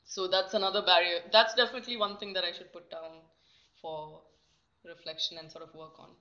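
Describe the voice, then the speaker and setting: A woman's voice: lowish voice, steady tone, a little fast, sharp tone. A young woman, a podcast guest chatting candidly and self-deprecatingly, with many fillers and restarts. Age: young adult. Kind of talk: casual podcast chat. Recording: slightly muffled lo-fi recording.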